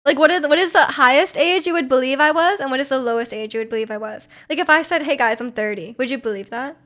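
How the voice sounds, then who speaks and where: A woman in her twenties chatting casually on a stream, reading out viewer messages and answering them. Her voice sits high, and she laughs easily and often. The talk is loose and chatty, full of playful asides. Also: fast, a bit bright. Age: 20s.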